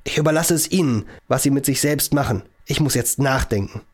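A man voicing an irritable male professor who invented a time machine, talking in a sharp, lecturing, commanding way. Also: fairly high pitch, animated, moderate pace. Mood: angry.

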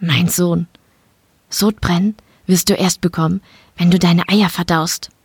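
A woman voicing a smug older male mafia boss with a calm, menacing manner. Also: lowish voice, unhurried, breathy edge, no echo, studio quality, full character voice.

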